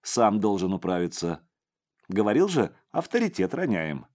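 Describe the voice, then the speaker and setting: A domineering middle-aged crime boss, voiced by a man reading a storybook, who scolds and barks orders at his men. His low voice swings widely in pitch as he snaps each command. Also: sing-song, moderate pace, a little mellow. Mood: scolding.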